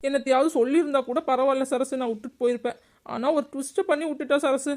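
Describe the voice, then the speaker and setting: Woman as young village daughter-in-law, complaining, brisk and a bit high; cartoon. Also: fairly even intonation, darkish tone, natural voice. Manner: plaintive and chatty, complaining. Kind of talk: cartoon voice acting.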